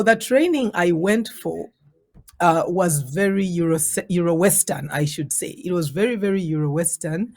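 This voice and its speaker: A woman in her forties who grew up in Uganda tells her story as a guest on an interview show. She talks in an earnest, thoughtful way and slows down on key words to stress them. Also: on the low side, a little mellow. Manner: earnest, reflective, drawn-out emphasis. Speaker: guest, parenting coach.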